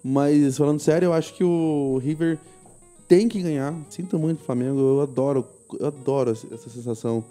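A man's voice: fairly high pitch, a little fast, mellow, faint music behind. A man from Argentina with an Argentine accent, joking and teasing as a panelist in a casual football debate.

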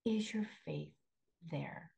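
Poor audio carries the low-pitched, slightly rough voice of a woman with vocal fry who hosts a faith podcast as a spiritual coach. Speaking slowly and earnestly, she repeats phrases for emphasis and often sinks into a gentle half-whisper.

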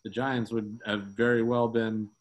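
A man's voice: lowish voice, flat delivery, unhurried. A man co-hosting a sports podcast, talking casually about football with many fillers and restarts.

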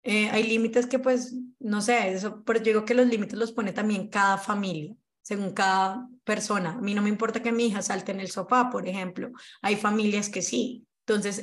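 A woman's voice: medium pitch, steady tone, brisk, few pauses. Woman, interview guest, earnest and explanatory, mid-range voice. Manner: earnest, explanatory, acts out parents' quoted lines. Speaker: guest on parenting. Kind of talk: conversational interview answers.

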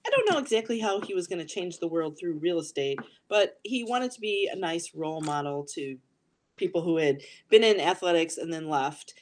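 A woman's voice: fairly low pitch, animated, normal speed. A woman co-hosting a podcast, agreeing and laughing often in casual recap chat. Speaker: podcast co-host.

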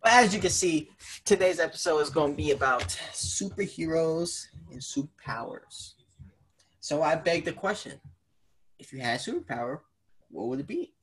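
A man's voice: on the high side, big pitch swings, normal speed, husky, low-quality recording. A man co-hosting a podcast in casual, playful chat. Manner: playful, laughs often. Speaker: podcast co-host.

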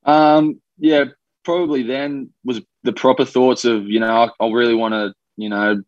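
On a casual podcast, a young man with an Australian accent talks about life as a rugby league player, rambling easily and using lots of fillers. He's from New Zealand but grew up in Australia. His mid-range voice barely moves in pitch at normal speed, recorded lo-fi with no echo.

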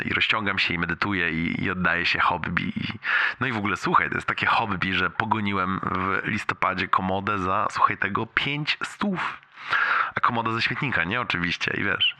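A man's voice: on the low side, sharp tone. A young man leaving a long voice message for a friend, rambling and apologetic, full of slang and fillers.

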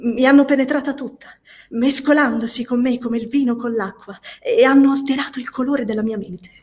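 A woman's voice: on the high side, fairly even intonation, brisk, a little hiss or hum, close to an everyday voice. A woman voicing a passionate, troubled young woman who stammers as she pours out a strange dream, read as an audiobook. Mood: earnest. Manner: stammering, emotional. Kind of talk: audiobook reading.

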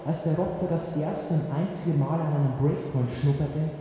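A man's voice: fairly high pitch, fairly even intonation, moderate pace, dark tone. A man narrating a first-person story for an audiobook in a wry, conversational way. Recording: echoey hall with faint hiss.

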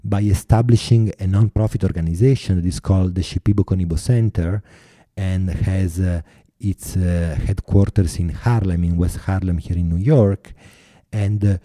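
An Italian-accented man with a very low, deeply mellow voice answers interview questions earnestly and haltingly, stopping often to restart. The sound is close and dry. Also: fairly even intonation, no echo. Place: New York.

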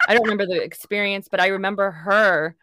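A woman's voice: medium pitch, fairly even intonation, quick pace, pushed and bright, a little hiss or hum. Chatty, giggly woman podcast co-host. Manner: giggly, chatty, loose rambling. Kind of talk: casual chat.

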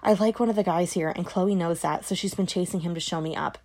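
A woman's voice: lowish voice, quick pace, darkish tone. A woman voicing a sulky, resentful teenage girl in an audiobook, her voice thick and whiny as if she had been crying. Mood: defensive. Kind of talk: audiobook character voice.

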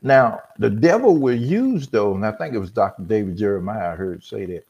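A man's voice: lowish voice, animated, normal speed, darkish tone, slightly rough, lo-fi sound. A man hosting a casual Bible discussion, teaching in a conversational way. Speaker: podcast host.

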